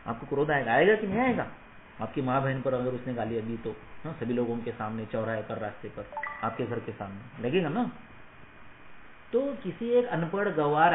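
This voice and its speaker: Emphatic man lecturing in an echoey room. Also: medium pitch. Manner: emphatic, rhetorical, asks "hmm?" for assent; mixes Hindi with English phrases. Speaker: Ayurveda teacher. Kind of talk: motivational lecture to students. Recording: echoey room, tinny phone-like sound, faint noise.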